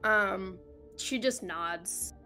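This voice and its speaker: A woman playing a tabletop game, softly describing what her character does. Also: mid-range voice, faint music behind. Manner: soft, unhurried, describing her character's actions. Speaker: player. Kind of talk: casual tabletop play.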